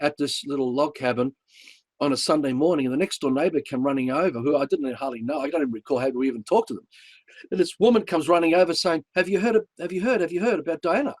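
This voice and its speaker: A middle-aged Australian man hosting a spiritual talk, telling a personal story bluntly and with strong emphasis, swinging between excited highs and hushed lows. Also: no echo. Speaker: show host.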